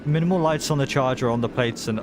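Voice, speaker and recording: A man livestreaming a game in casual chat, talking in excitable bro-and-dude slang. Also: mid-range voice, fast, noisy background. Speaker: live game streamer.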